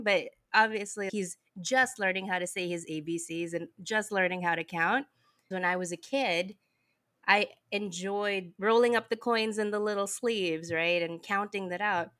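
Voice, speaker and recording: A woman's voice: mid-range voice, moderate pace, a bit bright. A woman hosting a personal finance podcast, reading an upbeat intro and then chatting casually with her guest. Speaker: podcast host.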